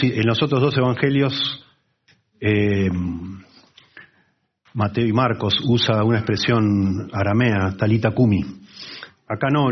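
A man preaching a conversational Bible sermon, with lively asides and acted-out quotes. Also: on the low side, slightly rough, lo-fi sound.

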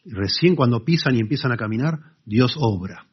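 A man with an Argentine accent preaching a sermon as a pastor, telling stories in a conversational way with lively asides to the congregation. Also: mid-range voice, fairly quick, slightly rough. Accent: Argentine Spanish. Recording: dull lo-fi sermon recording.

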